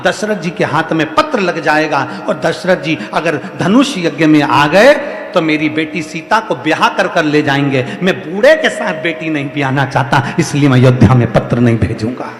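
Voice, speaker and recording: A fretful old king, as a preacher puts him on, talks himself into a decision, repeating his resolve urgently. The high voice carries through a reverberant hall. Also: expressive, moderate pace, slight background noise, natural voice. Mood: worried insistence. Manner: urgent, insistent repetition. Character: anxious old king, worried father. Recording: echoey hall with long reverb.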